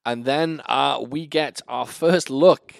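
A man hosting a casual film review chat, animated and profane, joking as he runs the talk. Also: mid-range voice, slow, gravelly, no echo. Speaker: podcast host reviewing a film.

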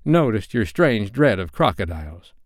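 A man's voice: on the low side, big pitch swings, moderate pace, dry recording, studio quality. A man voicing a dim, chatty pirate bo'sun for a storybook, simple-minded, guileless and blunt. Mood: curious. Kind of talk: storybook character voice.

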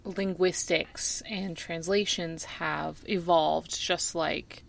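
A woman's voice: on the low side, fairly even intonation, slow, gravelly. A woman co-hosting a podcast in casual chat about a film, recapping scenes and asking questions. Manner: recaps scenes, asks questions, laughs easily. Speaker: podcast co-host.

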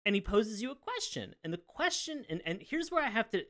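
Animated, rambling man in casual comedic chat. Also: high-pitched, brisk. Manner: rambling, animated, acts out imagined dialogue. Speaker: podcast panellist.

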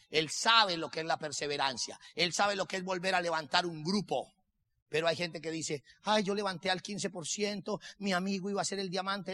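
A man gives a motivational speech in a high, bright voice. He tells stories with lively energy, acts out the lines of the people in them and keeps asking his audience rhetorical questions. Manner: animated storytelling, acts out quoted voices. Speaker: motivational speaker.

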